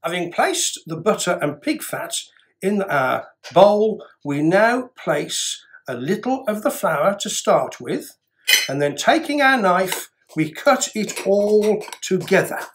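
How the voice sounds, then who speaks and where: A middle-aged man playing a pompous King Henry VIII as a cookery demonstrator, with archaic, deliberate phrasing and dramatic pauses, recorded in a room from a distance. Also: sits high, very animated, a little hiss or hum, exaggerated voice. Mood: stately, deliberate. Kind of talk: mock-Tudor cookery demonstration to camera. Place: indoor room with cloth backdrop. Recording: roomy, distant camera microphone.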